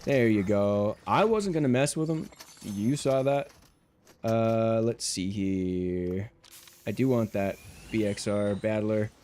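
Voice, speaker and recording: A man with a lowish, slightly mellow voice speaks slowly, with a little background noise. He's livestreaming while gaming, chatting casually with viewers in a laid-back, rambling way full of fillers. The sound comes through a livestream headset mic.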